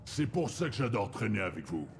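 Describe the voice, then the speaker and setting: A man voicing a gruff, boastful, battle-loving alien warrior in a video game, teasing and gravelly. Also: on the low side, big pitch swings, brisk. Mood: cocky. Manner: swaggering, teasing. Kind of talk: dubbed video game acting. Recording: music behind the voice.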